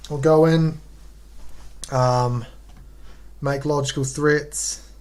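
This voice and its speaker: A man's voice: a little high, fairly even intonation, very slow, a little mellow. A man with a New Zealand accent giving casual, slangy commentary on a live game as he chats to viewers. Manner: laid-back, slangy, chatting to viewers. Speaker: chess streamer.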